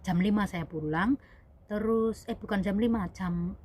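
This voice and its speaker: A woman's voice: medium pitch, a little slow, a little mellow. A young woman vlogger, a domestic worker abroad, telling a personal story in a rambling, self-correcting way and addressing viewers as "guys". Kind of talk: casual spoken storytelling.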